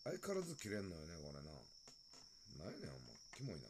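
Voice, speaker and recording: Lively low-voiced Kansai man streaming. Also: quick pace, background noise. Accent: Kansai Japanese. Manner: loose and chatty, greeting viewers and laughing often. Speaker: live streamer. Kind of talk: late-night live stream chat. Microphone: phone.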